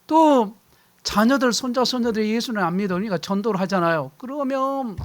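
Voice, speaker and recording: A middle-aged man preaching a sermon as pastor, animated, acting out shouted household quarrels. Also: sits high, moderate pace.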